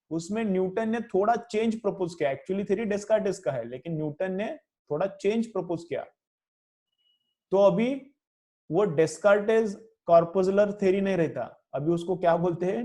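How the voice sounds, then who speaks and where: A man teaches a class in a slightly raised, mellow voice, asking questions and answering them himself. He repeats phrases slowly so students can write them down. He has an Indian English accent. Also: high voice. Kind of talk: classroom lecture, dictating notes.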